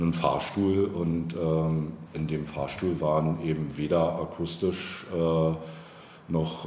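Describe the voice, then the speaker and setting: A warm, low-sitting male voice belongs to a local politician in a conversational interview, whose explanations wander through long, hesitant sentences. There's a roomy echo and some faint background noise.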